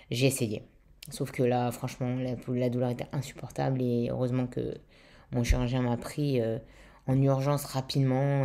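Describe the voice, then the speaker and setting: A young woman talks casually to her viewers in a very low, dark, mellow voice. She chats loosely, swears now and then and fills gaps with lots of "euh". Her throat is still a touch weak. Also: creaky. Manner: chatty, swears casually, many fillers. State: throat slightly weak after intubation. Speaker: vlogger. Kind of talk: casual vlog chat.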